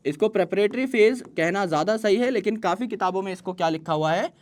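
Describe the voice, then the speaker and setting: A male teacher giving an online biology lesson, who mixes English terms into his Hindi explanation, asks questions and answers them himself, and slows down to dictate definitions. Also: sits high, darkish tone. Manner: uses folksy everyday comparisons.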